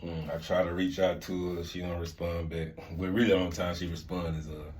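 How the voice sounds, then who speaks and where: A man's voice: low voice, little pitch movement, a little fast, a little mellow, a little hiss or hum. A middle-aged man, telling stories casually in rambling, repetitive, slangy talk. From Mississippi, United States. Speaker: vlog host and storyteller. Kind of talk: casual storytelling chat.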